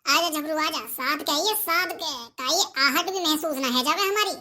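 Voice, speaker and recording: Damru, a woman doing a squeaky mischievous village boy. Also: normal speed, lightly acted. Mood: scheming.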